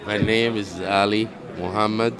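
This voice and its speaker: Male from Egypt, low and deliberate, street crowd around. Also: steady tone. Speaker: interviewee. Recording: outdoor crowd and traffic behind.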